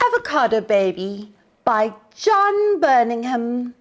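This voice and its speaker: In a fairly high-pitched voice, a woman hosting storytime reads a picture book to young kids. Her reading is careful and expressive.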